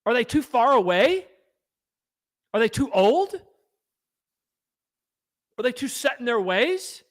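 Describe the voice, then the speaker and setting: A man's voice: very high-pitched, very animated, slow. A man hosting a fiery advocacy livestream, combative and rallying. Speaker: gun rights advocacy host.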